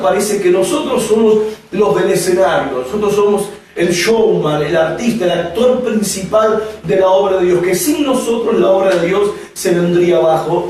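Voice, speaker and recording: A pastor teaching a Bible course preaches to a camera audience in a high-pitched, darkish voice, speaking emphatically, repeating phrases for stress, and asking rhetorical questions. He sounds distant and off-mic in an echoey room, with faint ambience and a little hiss or hum.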